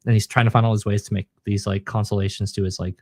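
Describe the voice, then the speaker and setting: Low-voiced man chatting on a podcast. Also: little pitch movement, quick pace, no room sound. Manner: enthusiastic, acts out characters' lines. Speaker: podcast co-host. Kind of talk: casual manga discussion.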